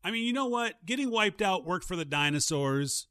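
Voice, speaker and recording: A man co-hosting a podcast, riffing jokes in casual, animated comedic chat. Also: high-pitched, moderate pace, clear, resonant tone. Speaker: podcast co-host.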